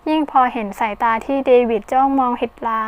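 A woman narrating an audiobook novel in an expressive, storytelling manner. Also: high voice, fast talker, smooth.

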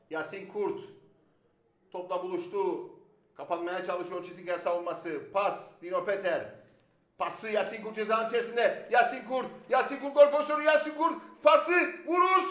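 A man giving live play-by-play football commentary. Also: high-pitched. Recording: roomy, echoing sound.

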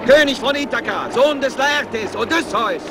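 Odysseus proudly taunting the giant. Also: male voice, extremely high pitch, normal speed, music in the background, low-quality recording. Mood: defiant. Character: defiant Greek hero-king taunting a giant. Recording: clear noise behind the voice.

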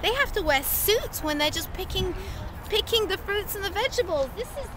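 A woman's voice: extremely high pitch, expressive, brisk. A woman in her forties hosting a casual vlog at a farm, talking enthusiastically to a camera held at arm's length. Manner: enthusiastic, effusive. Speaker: vlog host. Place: outdoors on a busy farm. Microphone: handheld camera at arm's length. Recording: noisy outdoor camera audio with crowd. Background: crowd chatter and outdoor noise.

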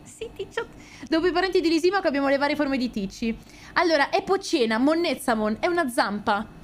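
Young Italian woman streamer, excitable and loud when thrilled, high and animated voice. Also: a little fast. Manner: excitable, squeals and shouts at pulls, swears often. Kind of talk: casual card-opening stream chat.

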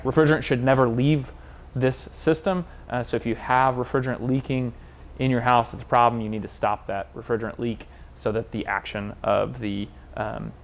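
Man, thirties, practical explainer, mid-pitched voice, warehouse workshop. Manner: plain, practical, explains with hand gestures. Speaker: HVAC company representative. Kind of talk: explanatory equipment walkthrough. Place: large warehouse workshop with concrete block walls.

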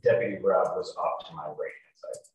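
Over a faintly noisy, echoey courtroom video call, a young man testifying as a police officer answers in a low voice at a moderate pace, the audio sounding dull. His phrasing is formal, clipped and strictly procedural.

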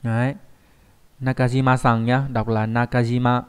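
A man teaches kanji in an online lesson. His pitch sits in the middle range. He keeps checking in with the class through rhetorical questions as he explains. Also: little pitch movement, normal speed, clean tone.

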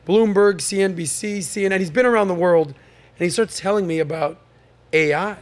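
Fairly quick and high-pitched, this American podcast host keeps the panel talk casual with jokes and an upbeat tone. He fills his speech with fillers and frequently restarts sentences.

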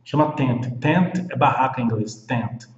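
Brazilian guy teaching english words, slow and patient, dull echoey room with long reverb. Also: mid-range voice. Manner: slow, repeats each word many times. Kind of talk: pronunciation lesson.

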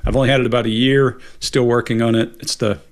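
A man in his late fifties co-hosting a live Q&A over a video call, answering questions in a relaxed, explanatory way. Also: mid-range voice, fast. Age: 50s. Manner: relaxed, explanatory, laughs easily. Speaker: co-host. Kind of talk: casual live Q&A chat. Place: home office with bookshelves. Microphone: video call webcam.

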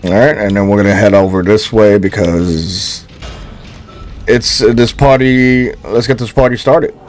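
Excitable man streaming a horror game. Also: on the low side, a little slow. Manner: excitable, exclaims and talks to viewers. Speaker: gaming streamer. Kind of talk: casual let's-play commentary.

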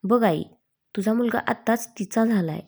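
A woman's voice: on the high side, moderate pace, gravelly, darkish tone, husky. A woman reading a story aloud, voicing a playful, cheeky young man who jokes with his family. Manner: joking, cheeky.

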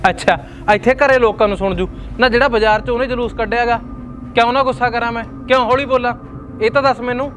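A man's voice: extremely high pitch, steady tone, fairly bright tone. A man playing an angry young husband who argues hotly with his mother. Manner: heated, rapid, indignant. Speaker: son arguing with his mother. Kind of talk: web series drama acting.

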